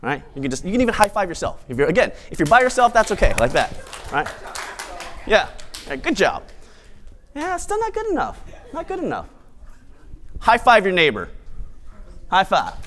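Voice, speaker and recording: A man's voice: high-pitched, very animated, brisk, pauses often, slight background noise. A man hosting a live event, giving an opening monologue in an upbeat, playful, conversational way. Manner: bright, upbeat event host. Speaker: event emcee and host.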